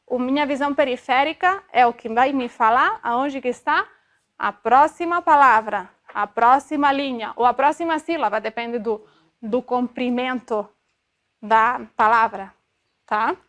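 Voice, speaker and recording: High-voiced woman lecturing a class. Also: a little slow, fairly bright tone. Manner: explanatory, checks in with frequent tag questions; demonstrative, sounds out syllables to illustrate. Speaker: optometry lecturer.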